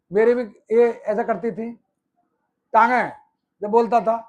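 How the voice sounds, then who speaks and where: Guy with a really high voice giving a political speech, asks questions and answers them, repeats stuff for emphasis. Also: a little mellow, highs cut off. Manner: rhetorical questions answered himself; emphatic, repeats phrases in lists. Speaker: movement speaker.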